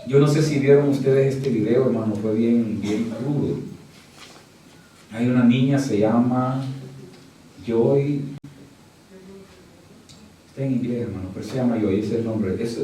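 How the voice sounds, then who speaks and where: Fiery pastor preaching in an echoey hall. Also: male voice, a little slow, long pauses, slight background noise. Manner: swings between quiet storytelling and loud, high preaching; keeps addressing the congregation as brother. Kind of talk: sermon. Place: church hall. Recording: very echoey hall, mic from a distance.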